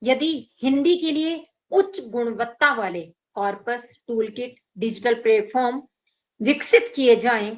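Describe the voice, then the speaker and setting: High-voiced woman giving a lecture. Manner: measured, explanatory, with hesitations. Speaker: guest speaker at an online workshop. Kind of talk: academic lecture. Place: online workshop, video call.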